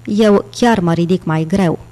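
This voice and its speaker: A woman voicing a calm, defiant older British scholar on crutches, in an audiobook. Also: lowish voice, lightly acted.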